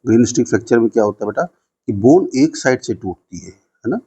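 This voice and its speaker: A male nursing teacher giving a lecture, explaining in Hindi, reading English definitions slowly, and asking and answering his own questions. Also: mid-range voice, lively intonation, dark tone, breathy edge, dull audio. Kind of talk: classroom lecture.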